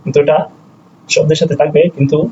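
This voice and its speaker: Man teaching slowly, flat and mellow. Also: a little high, muffled recording, slight background noise. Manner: slow, repeats sounds several times. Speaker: language teacher. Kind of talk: step-by-step language lesson.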